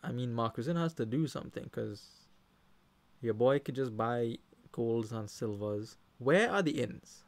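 With a mid-range voice and a measured pace, a Trinidadian man narrates a card game as it happens. He talks to the players, gets animated, and bursts into shouts of excitement at big plays.

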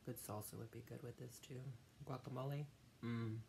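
A young adult with a gravelly voice, chatting casually between mouthfuls of crunchy chips in a home eating video. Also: mid-range voice, fairly even intonation, darkish tone, a little hiss or hum. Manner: eating crunchy chips while talking, with pauses to chew. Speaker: vlogger hosting an eating video. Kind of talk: casual eat-with-me mukbang chat. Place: small dim room at home.

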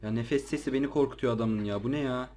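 Male gamer, mid-pitched voice, nervous chatter, quick to yelp when spooked. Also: mellow, a little hiss or hum. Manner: jumpy, easily startled, slangy chatter to viewers. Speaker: let's play gamer. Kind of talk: casual gameplay commentary.

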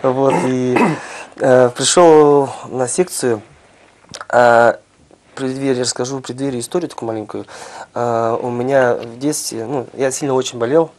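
A man of about thirty from the Altai Republic, telling his life story as a studio guest, speaking in a halting, modest way on a lapel mic. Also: medium pitch, steady tone, darkish tone. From Altai Republic, Russia. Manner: halting, many fillers and restarts, plain and modest. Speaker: guest, sambo world champion. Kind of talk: interview, personal story. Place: small TV studio with sofas.

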